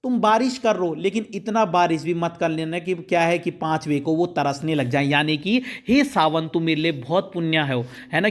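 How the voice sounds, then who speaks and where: A male teacher explaining a poem to students, reading verses slowly and then explaining them in plain speech. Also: on the high side. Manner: addresses students directly. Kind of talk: poetry lesson explanation.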